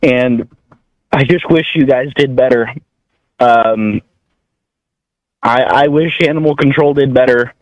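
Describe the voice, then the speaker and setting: A man speaks as a public commenter, earnest and halting, at a fairly slow pace. His pitch is average for a man. The sound is dull, radio-like and free of room echo. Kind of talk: public testimony. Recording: muffled, radio-like audio.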